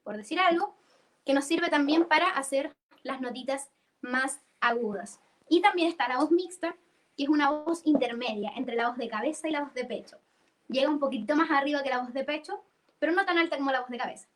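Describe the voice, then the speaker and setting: A young woman leads a singing workshop. Her voice sits high, and she explains things patiently, breaking into sung notes to show each vocal register. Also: a little fast. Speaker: singing teacher.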